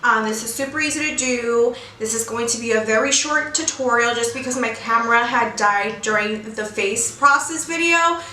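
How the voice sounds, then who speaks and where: A young American woman gives a casual, chatty makeup tutorial as a beauty vlogger, using slangy, informal talk while chewing gum. Her voice is fairly high and sharp, at a normal speed with hardly any pauses. The recording has a roomy echo and faint background noise.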